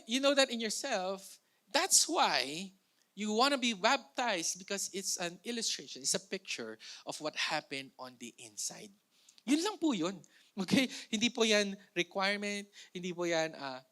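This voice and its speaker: A man's voice: high-pitched, pushed and bright. A young man with a Filipino accent preaching a playful, conversational sermon, mixing in jokes and rhetorical questions to the congregation.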